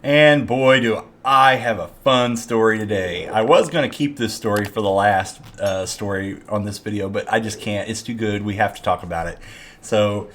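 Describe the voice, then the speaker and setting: A man's voice: lowish voice, normal speed, fairly bright tone. Gleeful mocking male political show host. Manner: mocking, gleeful, profane ranting. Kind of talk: political commentary.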